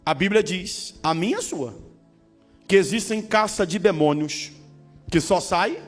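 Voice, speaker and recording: Brief: male pastor, high-pitched, humorous sermon delivery with call-and-response, faint music underneath. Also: animated, unhurried. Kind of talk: preaching a sermon.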